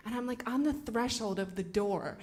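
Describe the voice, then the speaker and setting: A woman telling a personal story to an audience, animated and full of "like", acting out her own thoughts. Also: on the high side, normal speed. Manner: animated, filler-heavy "like", acts out her own inner thoughts.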